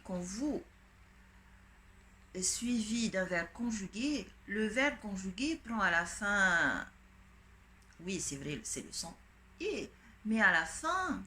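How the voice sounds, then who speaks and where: A woman's voice: mid-range voice, a bit bright, slight background noise. A woman primary school teacher giving a dictation lesson to children, patiently spelling out each letter and pen stroke step by step. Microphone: home recording for an online class.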